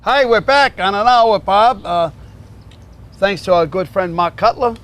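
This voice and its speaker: A man hosting a casual talk show interview, chatty and halting, often pausing on filler sounds. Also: high voice, fairly bright tone, soft background music.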